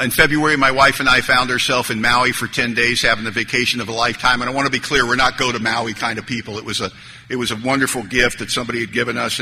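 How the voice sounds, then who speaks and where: Male speaker telling his recovery story on a stage mic, bright and forceful, in a reverberant hall. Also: mid-range voice. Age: 30s or older. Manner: earnest, storytelling, acts out dialogue. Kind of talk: recovery talk to an audience. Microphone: stage microphone. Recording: hall reverb, faint noise.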